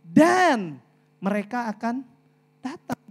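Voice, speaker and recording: A woman giving a lively faith talk to a community gathering, talking fast, pleading with listeners, telling stories and slipping into English phrases. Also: fairly high pitch, gravelly, husky. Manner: pleading and storytelling. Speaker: community speaker. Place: meeting hall.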